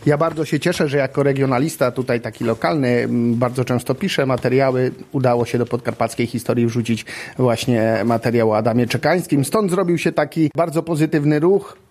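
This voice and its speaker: A man's voice: mid-range voice, fairly quick, few pauses, a little mellow. A young man who works as a local regional historian, speaking earnestly in a documentary interview. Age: young adult.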